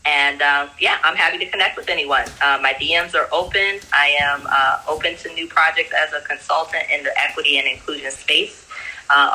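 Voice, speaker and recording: A man's voice: on the high side, bright, forceful tone, poor audio. A man speaking as a panelist and consultant, giving unscripted closing advice.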